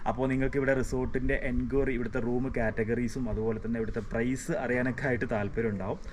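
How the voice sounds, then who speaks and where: A man's voice: mid-range voice, fairly even intonation, quick pace. Malayali man mixing English, echoey noisy recording. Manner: Malayalam mixed with many English words. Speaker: travel vlogger reviewing a resort. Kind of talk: casual vlog narration to viewers. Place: on location around a resort, rooms and rooftop. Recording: echoey, clearly noisy location sound.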